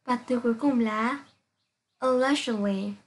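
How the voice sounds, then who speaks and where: A woman teaching an English pronunciation lesson, reading out sounds and example words slowly and carefully to her students. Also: fairly high pitch, husky. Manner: slow, careful, spelling out sounds one by one.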